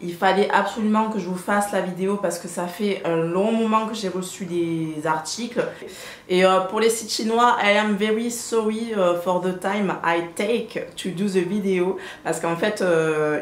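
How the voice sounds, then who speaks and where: A woman's voice: fairly low pitch, normal speed. A woman vlogging casually to camera about clothes she ordered, chatty and full of hesitant fillers, hot and sweating. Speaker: fashion vlogger. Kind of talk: casual haul vlog to camera. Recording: roomy, faint background hum.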